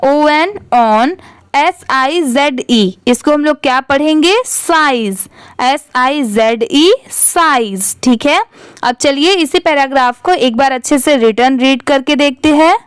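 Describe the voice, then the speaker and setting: A woman's voice: high voice, takes it slowly, no room sound, studio quality. A woman English teacher with an Indian accent, spelling words letter by letter and reading them out patiently. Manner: patient, repeats each word twice.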